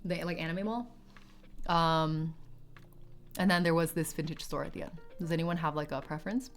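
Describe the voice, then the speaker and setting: A woman's voice: low voice, fairly even intonation, normal speed, faint music behind. A woman in her late twenties, a streamer, chatting casually and rambling, giggling often and swearing offhand. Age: 20s. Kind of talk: casual chat with live chat.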